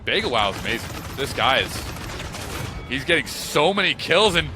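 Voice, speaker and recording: A man's voice: mid-range voice, big pitch swings, moderate pace, background noise. A man from Long Island calling esports play-by-play with energy and the odd joke. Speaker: esports caster.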